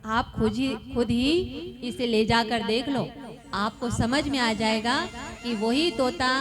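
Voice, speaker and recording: Humble storybook trader, respectful, voiced by a woman narrator, slow. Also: fairly high pitch. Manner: respectful, addresses the king politely. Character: humble male parrot seller in a bazaar.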